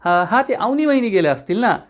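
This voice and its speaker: A cheeky, joking young man of the household, as a male narrator puts him on. He bantters in a high, quick, evasive way. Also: very animated. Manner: playful, evasive banter.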